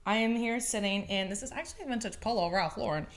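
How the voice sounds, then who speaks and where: A woman in her twenties hosting her own podcast, telling stories in a chatty, animated way with bits of laughter. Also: mid-range voice, fast. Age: 20s. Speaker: podcast host. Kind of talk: casual podcast monologue.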